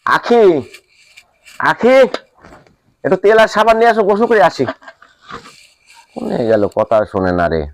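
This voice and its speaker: A man's voice: mid-range voice, expressive, brisk, lightly acted. An actor playing a weary, henpecked village husband who grumbles about his wife in a comic short film. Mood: grumbling. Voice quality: grumbling, complaining.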